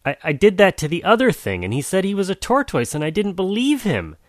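A man's voice: high-pitched, wildly swooping pitch, fairly quick, dry recording, studio quality, voice pushed up. A man voicing a confused young male jaguar who complains in a flustered, fussy way.

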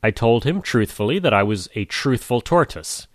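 A man's voice: mid-range voice, lively intonation, moderate pace, dry recording, studio quality, natural voice. A man voicing a clever male tortoise who talks in coaxing, tongue-twisting circles. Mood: sly. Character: sly, wordy male tortoise, calm and clever.

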